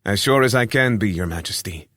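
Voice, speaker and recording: A man voicing a sly deputy guildmaster who reassures smoothly. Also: fairly low pitch, expressive, fairly quick, fairly bright tone, no echo, studio quality. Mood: reassuring.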